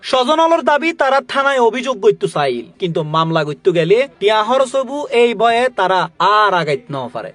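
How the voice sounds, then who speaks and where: High-voiced male news narrator, Chittagong accent. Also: sing-song, a little fast, hardly any pauses, a bit bright, no echo. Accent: Chittagong, Bangladesh. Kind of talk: scripted narration.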